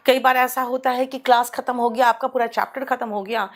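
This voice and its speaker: A woman with a Hindi accent teaching an online English class from a small studio, explaining patiently and saying the English examples slowly. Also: on the high side, steady tone. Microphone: studio microphone.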